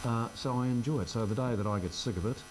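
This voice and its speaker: An older Australian man, a local radio presenter, chats casually during an interview in a radio studio, wry and self-deprecating. His voice sits at a medium pitch and moves at a quick pace, with background noise in the recording.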